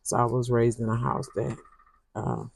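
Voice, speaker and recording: A planner vlogger from Michigan with a Southern US accent rambles casually while decorating her planner, speaking slowly and softly with frequent restarts. Her voice is a rumbling, gravelly low with a level tone.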